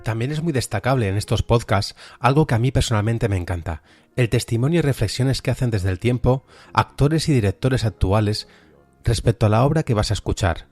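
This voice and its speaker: This Spaniard's darkish, mid-range voice is animated and fairly quick as he reviews radio drama on a podcast, partly scripted and full of enthusiasm. His Spanish accent is from Spain, and music plays in the background.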